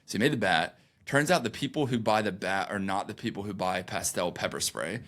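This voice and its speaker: A young man with a low, gravelly voice talks casually in a podcast interview. He rambles, filling pauses and restarting his sentences as he goes. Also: a bit bright. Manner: loose and rambling, with many fillers and restarts. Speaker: founder, guest.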